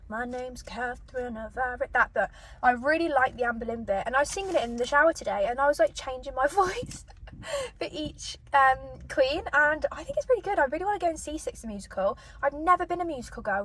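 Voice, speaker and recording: A British woman chatting casually to camera as she eats, pausing for bites as a mukbang host. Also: high-pitched, husky. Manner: eating as she talks, with pauses for bites. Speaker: mukbang host eating and reviewing food. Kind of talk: casual chat to camera while eating. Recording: distant microphone, noticeable background noise.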